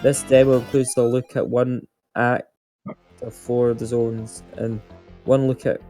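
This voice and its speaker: A man's voice: mid-range voice, little pitch movement, measured pace, warm tone. A man reads contest entries aloud and chats in a dry, sarcastic way, stumbling and restarting now and then. His voice sits mid-range, with faint game music underneath. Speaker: co-host reading entry descriptions. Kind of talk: casual chat, reading aloud.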